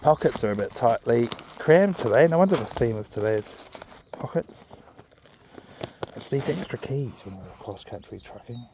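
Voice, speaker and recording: Easygoing Kiwi bloke with a broad accent, outdoors. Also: male voice, mid-range voice, expressive, moderate pace. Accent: broad New Zealand. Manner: easygoing, rambling, slangy. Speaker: vlog host. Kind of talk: casual chatty vlog, talking to his dog. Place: outdoors on a walk. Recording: outdoor ambient noise.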